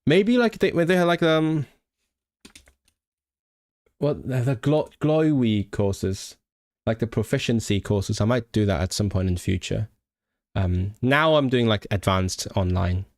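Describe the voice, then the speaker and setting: Reading viewer comments on his casual language livestream, this young Hong Kong host speaks with a mix of British English in his accent. The student and language learner is self-deprecating, hesitant, and full of fillers and restarts. His voice is fairly low and measured, and the studio sound is clean and dry.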